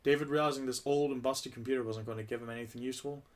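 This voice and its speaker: A man's voice: medium pitch, fairly even intonation, racing. A man reading a script aloud in a casual read-through, often stumbling over words and restarting lines. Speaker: script reader.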